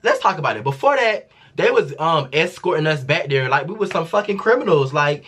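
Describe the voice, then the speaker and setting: A man's voice: a little high, expressive, fairly quick, a bit bright, slightly rough. A young man, telling a storytime vlog in a casual, profane, slangy way. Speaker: vlogger.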